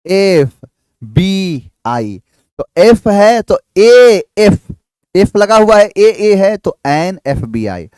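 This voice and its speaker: A man teaching an English lesson, spelling out sounds slowly and checking in with "clear?". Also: high voice, darkish tone, no room sound. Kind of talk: classroom lecture.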